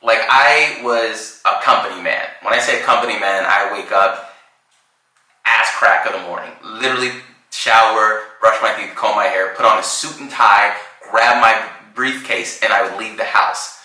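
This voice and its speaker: A man in his thirties co-hosts a casual podcast, spinning an animated story full of slang and laughter. His voice sits a little low but sounds bright and forceful. The room around him rings with heavy echo. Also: normal speed. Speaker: podcast co-host.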